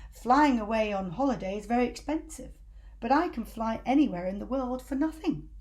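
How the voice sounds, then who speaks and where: A woman's voice: on the high side, expressive, moderate pace, a little mellow, natural voice. A woman voicing a grand, self-assured and helpful travelling bird in a children's storybook. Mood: grand, breezy.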